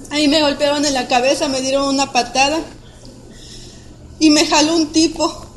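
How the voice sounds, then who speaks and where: A young woman with a Mexican accent giving a halting personal testimony of an attack as a witness, often breaking off and restarting her sentences. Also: very high voice, slight background noise, low-quality recording.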